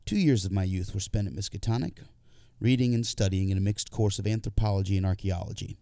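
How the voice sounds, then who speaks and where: A man narrates a literary audiobook in the first person, his low voice soft-edged, dark and relaxed, with vocal fry and a quick pace. The recording is very dry, with no room sound around it.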